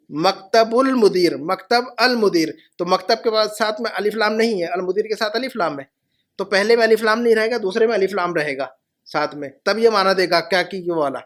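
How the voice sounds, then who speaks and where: A middle-aged man teaching Arabic to a class, patiently repeating each phrase slowly. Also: sits high, a bit bright. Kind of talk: classroom lesson.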